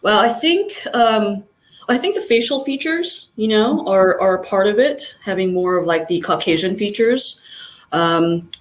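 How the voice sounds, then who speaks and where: A middle-aged guest from Southern California, talking in a casual interview in a thoughtful, rambling way with many fillers. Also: female voice, mid-range voice, animated, measured pace, a little hiss or hum. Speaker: guest chiropractor.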